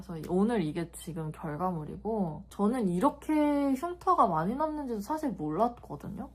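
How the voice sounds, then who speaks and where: A woman's voice: medium pitch, darkish tone, slightly rough. A young woman talking to camera in a casual vlog, telling her story with emotion and candor, acting out sounds as she goes. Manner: emotional, candid storytelling with vivid sound words. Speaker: beauty vlogger.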